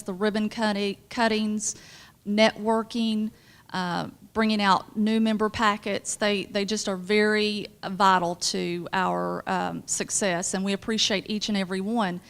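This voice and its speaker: A woman hosting a chamber of commerce event, making polite, gracious announcements. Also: medium pitch.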